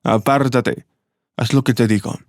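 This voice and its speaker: A man voicing an old hooded vagrant, a former doctor, speaking low, steady and instructive in a storybook reading. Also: a little slow, dry recording, studio quality, close to an everyday voice. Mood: calm, firm.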